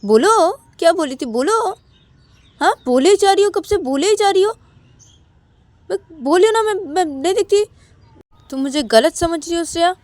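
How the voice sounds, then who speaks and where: A woman voicing Shruti, a defensive, quick-tempered young woman who repeats herself insistently. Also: medium pitch, little pitch movement, mellow, no echo, close to an everyday voice. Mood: angry.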